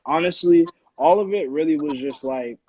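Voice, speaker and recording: An American music producer from Connecticut chats casually as an interview guest, using informal slang full of "like". His mellow voice is a little high and at normal speed, and the recording is dry, dull and lo-fi.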